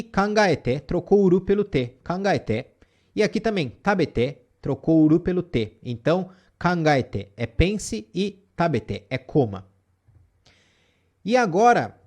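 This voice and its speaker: Guy teaching a lesson, slightly high voice, keeps checking in, barks the odd example command. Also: darkish tone. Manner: explanatory, repeats "tá?" and "né?" checks. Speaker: Japanese teacher. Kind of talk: casual spoken lesson.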